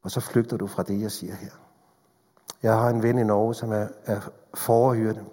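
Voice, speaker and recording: A man preaching a sermon in a church, earnest and direct, swinging between fervent appeals and hushed, intimate passages. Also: fairly low pitch, little pitch movement. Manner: earnest, rises to fervent appeals then drops to hushed tones. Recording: long hall reverb.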